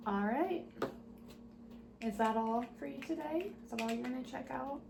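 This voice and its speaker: Playing a kind librarian at the checkout desk, an ASMR performer speaks softly in a high-pitched voice at normal speed, offering gentle, polite service to patrons and murmuring little asides. There's an echoey room sound and noticeable background noise.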